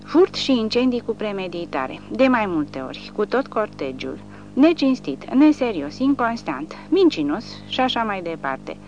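A woman voicing a coarse, bullying male army sergeant who shouts and blusters. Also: mid-range voice, big pitch swings, pitched above the performer's own voice, natural voice. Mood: angry. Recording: dull recording with faint hum.

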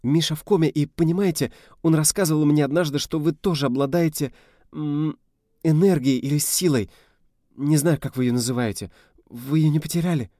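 A man reading an audiobook, voicing an excited young woman who pleads in a rush, his voice raised high. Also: no room sound, studio quality, close to an everyday voice. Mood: pleading. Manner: rushed, pleading.

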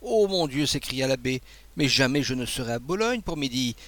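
A man's voice: medium pitch, expressive, a little fast, pushed and bright. A man reading aloud voices a kindly, fretful priest who stammers and exclaims anxiously. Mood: flustered. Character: flustered fretful abbé, a kindly male priest.

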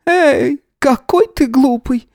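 A woman's voice: high voice, slow, gravelly, darkish tone, no room sound, clean studio sound, voice pushed up, full character voice. A man reading an audiobook voices a wily old woman who shrieks, whines and pleads. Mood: pleading. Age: older. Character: shrill, wily old woman, hoarder, wheedling and loud.

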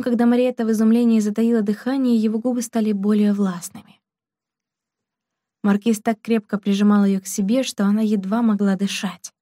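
A woman narrating a romance novel in a calm, even reading voice. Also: mid-range voice, no echo, studio quality. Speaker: audiobook narrator. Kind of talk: scripted narration.

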